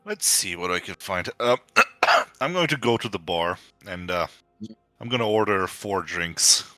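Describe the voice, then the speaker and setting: A man's voice: low-pitched, expressive, measured pace, pushed and bright, no room sound, soft background music. A man playing a tabletop game who lays out his character's actions step by step. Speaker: player.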